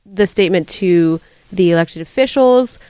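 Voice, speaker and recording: A woman with a somewhat low voice speaks earnestly as a podcast guest, explaining her points at a steady clip. The sound is dry and close-miked. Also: moderate pace, clean tone, no echo. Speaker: guest, resource team member. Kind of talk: casual podcast discussion.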